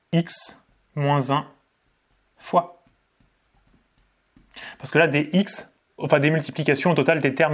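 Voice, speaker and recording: A man from France, a maths tutor, explaining a lesson at a board in a casual way, asking and answering his own questions as he goes. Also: a little high. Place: indoors in front of a board.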